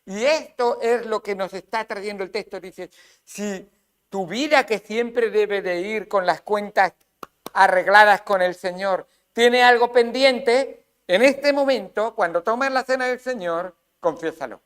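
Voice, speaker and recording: A man's voice: high-pitched, measured pace, fairly bright tone, smooth. A man with a Spain Spanish accent preaching a sermon as pastor, emphatic, with rhetorical questions and acted asides.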